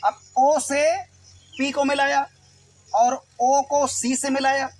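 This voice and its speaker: A man from Uttar Pradesh, India, gives a Hindi-language phonics lesson, teaching English reading by patiently spelling words letter by letter. His voice is extremely high pitched and level in tone, he takes things slowly, and the audio is poor.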